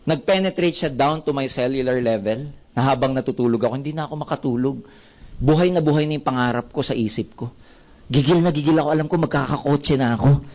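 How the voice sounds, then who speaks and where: A man with a Filipino accent giving a motivational seminar talk, animated and full of stories told with quoted dialogue. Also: a little high. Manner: animated, storytelling with quoted dialogue, mixing Tagalog and English. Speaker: network marketing speaker.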